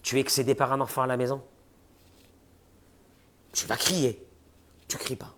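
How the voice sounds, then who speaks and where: Speaking at a normal pace in a medium-pitched voice, with slight noise in the background, a rabbi gives a religious lesson. He's animated, tossing out rhetorical questions and voicing the imagined people in his stories.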